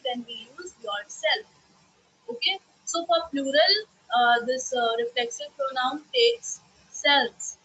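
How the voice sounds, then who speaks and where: A woman teaches a live online grammar class. Her voice sits high and sounds bright and ringing. She explains patiently, repeats each example and keeps asking whether it is clear. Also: dull audio. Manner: explanatory, repeats and checks understanding with "okay?".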